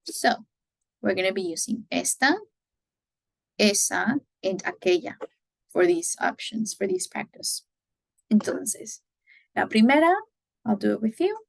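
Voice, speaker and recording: A woman teaching Spanish grammar, giving example sentences slowly and checking in with "right?" as she goes. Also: mid-range voice, expressive, gravelly, breathy edge, dry recording, rough recording. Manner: slow, careful model sentences, frequent "right?" checks. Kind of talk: explaining grammar.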